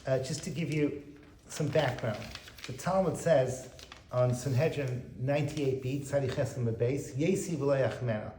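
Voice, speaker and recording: A man giving an animated Torah lecture as a rabbi, quoting Hebrew texts and translating them. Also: mid-range voice, normal speed, reverberant, slight background noise, low-quality recording. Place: private home.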